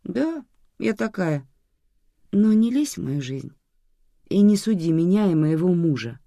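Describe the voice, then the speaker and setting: A woman's voice: on the low side, very animated, unhurried, gravelly, dark tone, no room sound, pitched above the performer's own voice, exaggerated voice. A reader voicing a resentful young mother who speaks to her own mother firmly and reproachfully, recorded dry and close. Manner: firm, reproachful.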